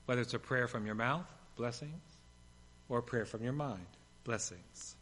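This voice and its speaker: A male pastor preaching a sermon, swinging between loud emphatic lines and hushed ones, with playful humorous asides. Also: medium pitch, moderate pace.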